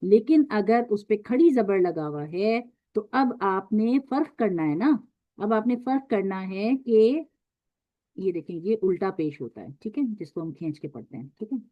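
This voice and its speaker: A woman teaching Quran recitation in an online lesson, patient and repetitive, stretching letter sounds slowly to show them. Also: medium pitch, lively intonation, dry recording, lo-fi sound.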